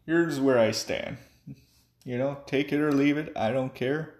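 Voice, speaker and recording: A tipsy man rambling offhand in a casual vlog monologue, swinging between loud bursts and mumbles. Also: mid-range voice, a little slow, reverberant. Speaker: vlogger.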